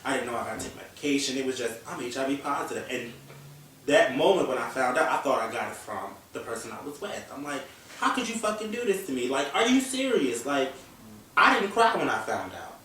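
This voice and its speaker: Guesting on a panel chat show, a man in his early twenties talks with raw candor and emotion, occasionally cursing. His medium-pitched voice is sing-song, brisk, and a bit bright, picked up by a distant mic in an echoey room with slight hiss or hum.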